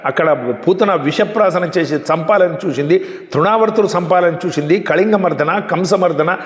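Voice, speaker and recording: A man telling religious stories in an emphatic, animated sermon. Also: sits high, moderate pace. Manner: emphatic, animated retelling with frequent restarts. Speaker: religious speaker. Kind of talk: storytelling sermon. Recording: echoey hall.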